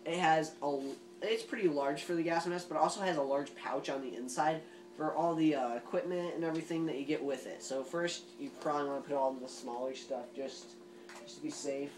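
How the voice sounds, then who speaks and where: A man's voice: on the high side, a little fast, a little mellow. A man giving a casual, rambling gear review as a reviewer, informal and emphatic with plenty of hyperbole. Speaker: gas mask reviewer.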